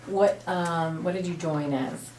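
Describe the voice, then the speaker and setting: A woman interviewer asking slow, measured questions in an oral history interview. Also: lowish voice, a little mellow. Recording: echoey room, distant mic, faint noise.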